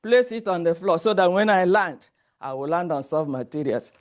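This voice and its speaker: A man's voice: high voice, normal speed, close to an everyday voice. A man voicing a cunning male trickster tortoise in a folk tale, in a persuasive storytelling voice. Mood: pleading.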